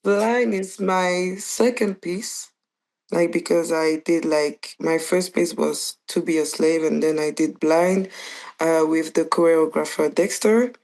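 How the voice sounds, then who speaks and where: A woman's voice: deep voice, fairly even intonation, slow pace, a little mellow. A young woman from Belgium, a dancer and choreographer, chatting loosely as an interview guest, with frequent restarts and fillers. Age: young adult. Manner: loose and searching, full of restarts and "like". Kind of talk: casual interview chat.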